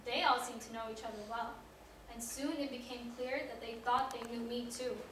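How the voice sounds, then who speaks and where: A woman's voice: on the high side, fairly even intonation, moderate pace, very noisy, natural voice. A woman acting the part of a remorseful male apostle in a church drama monologue, earnest and building to pleading cries, heard from a distance in an echoey hall. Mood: fearful. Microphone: far room mic.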